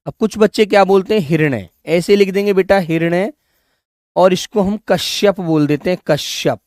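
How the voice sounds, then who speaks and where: A man with a fairly high voice teaches an online language class, recorded dry and close. He calls his students "child", repeats each word slowly, and keeps nudging them along. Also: darkish tone, dry recording. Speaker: Hindi teacher.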